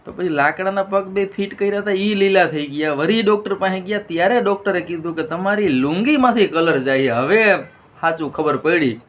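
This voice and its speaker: A man's voice: high voice, moderate pace, a bit bright. A middle-aged man, telling a string of jokes in a casual monologue and switching voices for the punchlines.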